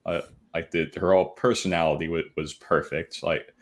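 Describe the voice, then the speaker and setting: Man, very deep voice, podcast co-host, halting, repeats words. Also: fairly even intonation. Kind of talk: casual podcast chat.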